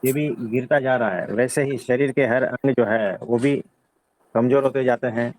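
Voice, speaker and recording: In a satsang, a male spiritual teacher answers questions, explaining calmly and patiently and often checking in with his listener by asking "है ना?". His voice is medium-pitched at a normal speed, and the recording is dry and rough.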